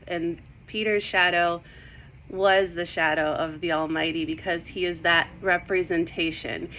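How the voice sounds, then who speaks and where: A woman talks through Bible verses in a casual, eager way, a little out of breath from excitement. Her voice sits fairly low for a woman. A faint hiss of background noise runs under the recording. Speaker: Bible teacher. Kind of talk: casual devotional talk.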